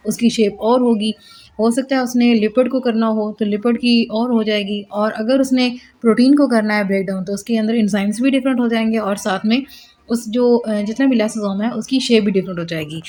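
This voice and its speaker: Woman teaching biology in a quick lecture. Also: a little high, dark tone. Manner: explanatory, asks and answers own questions; mixes English terms into Hindi. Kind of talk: whiteboard lecture.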